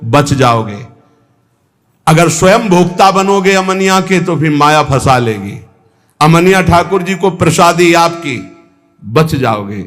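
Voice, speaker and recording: A man delivers a devotional sermon at a very unhurried pace. He stretches out the verses he quotes, half-singing them, and his voice sits a little higher than most men's. A long reverb trails every phrase, as if he speaks in a large hall. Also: a bit bright. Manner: slow, measured, drawing out and half-singing verses. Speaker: spiritual teacher. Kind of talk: devotional discourse.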